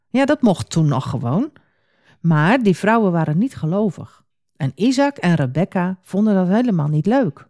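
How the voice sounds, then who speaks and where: A woman narrating a children's Bible story in an animated, expressive voice. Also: on the low side, no echo, studio quality.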